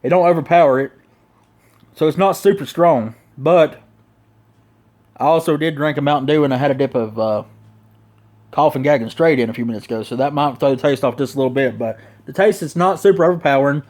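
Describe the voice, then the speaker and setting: A man's voice: medium pitch, fairly quick, a little mellow. A man with a Southern US accent giving a casual, rambling, slangy review, talking around a lip packed full of dipping tobacco. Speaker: product reviewer.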